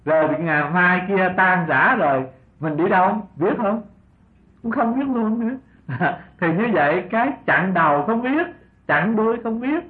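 An older man giving an unhurried Buddhist sermon as a monk teacher, often asking his listeners rhetorical questions and chuckling softly. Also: sits high, expressive. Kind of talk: dharma talk sermon. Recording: tinny lo-fi old recording.

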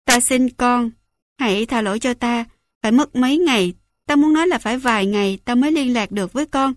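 A woman does a tearful mother begging her son, high and dry. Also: fairly quick, no echo, lightly acted. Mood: apologetic. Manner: tearful, apologetic, urgent.

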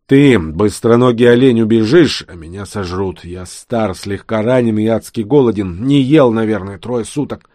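A man voicing an old, wounded, starving man who jokes gruffly and dwells lovingly on food. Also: on the low side, moderate pace, dark tone, dry recording, studio quality, lightly acted.

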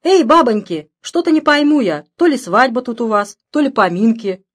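A woman reading an audiobook, voicing a cheerful young male truck driver with a brisk, joking commanding manner. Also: fairly high pitch, animated. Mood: puzzled.

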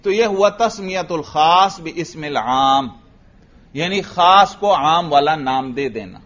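Urdu-accented man teaching, high voice. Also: animated, fairly bright tone, highs cut off. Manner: explains step by step with rhetorical questions. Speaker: teacher of Arabic grammar. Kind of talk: classroom lecture.

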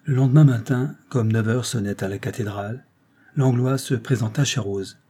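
A man narrating an old novel in a measured, even reading voice. His tone is dark and mellow, at a middling pitch. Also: breathy edge. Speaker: audiobook reader. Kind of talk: scripted narration.

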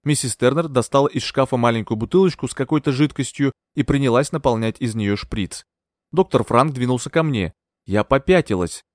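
A man narrating an audiobook in an expressive storytelling manner. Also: medium pitch, brisk, dry recording, studio quality. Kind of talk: scripted narration.

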